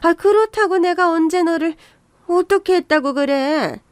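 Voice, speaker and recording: A woman's voice: very high-pitched, normal speed, dry recording, pitched above the performer's own voice. A woman voicing a bossy, scornful older mother-in-law who nags and scolds, as part of a radio story reading. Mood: scolding. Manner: scornful, nagging.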